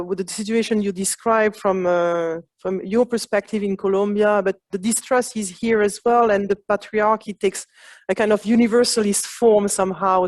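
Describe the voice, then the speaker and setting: A woman's voice: medium pitch, darkish tone, dry recording. A woman moderating a panel discussion, hesitant as she rephrases and affirms what guests say.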